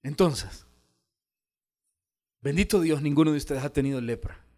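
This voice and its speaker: A man preaching a sermon as pastor, telling stories and acting out the dialogue with lively energy. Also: on the high side, moderate pace. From El Salvador. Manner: animated storytelling, acting out dialogue. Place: church hall.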